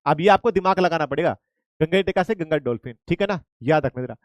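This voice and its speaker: A man runs a live online lesson, repeating each fact and quizzing his students over and over, with English terms mixed into his speech. His voice sits a little high. The sound is close and dry. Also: fast talker, dry recording. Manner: lively, repetitive drilling with questions to students; mixes Hindi with English terms. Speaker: online exam-prep teacher.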